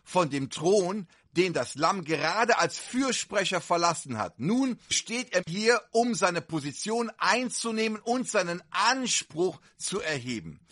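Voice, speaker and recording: A man preaching a fervent sermon to a congregation, with sudden loud outbursts. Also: high voice, big pitch swings, measured pace, hardly any pauses.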